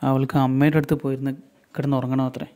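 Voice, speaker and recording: A man's voice: mid-range voice, little pitch movement, very fast, natural voice. A man reading an angry stubborn young mother. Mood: angry scolding. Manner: scolding, sharp.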